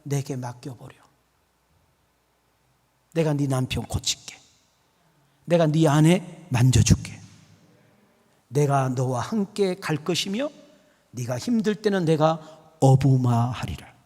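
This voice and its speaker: A man voicing a gentle, tender divine savior in a soft, hushed whispered role-play, low and quiet. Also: takes it slowly, long pauses. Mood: reassuring. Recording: long church reverb.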